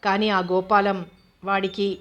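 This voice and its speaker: A gentle young village wife, soft-spoken with a light teasing edge, as a woman narrator reads her. Her pitch stays flat and even. The sound is slightly muffled. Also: slow, close to an everyday voice.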